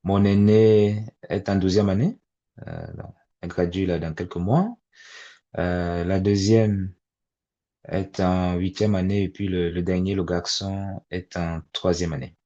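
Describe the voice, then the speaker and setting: A low-pitched man in his forties leads a webinar for parents. His talk is halting and full of fillers and repeated words, and it comes through dull, lo-fi video-call audio. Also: fairly even intonation, mellow. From immigrant to Canada. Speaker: webinar facilitator.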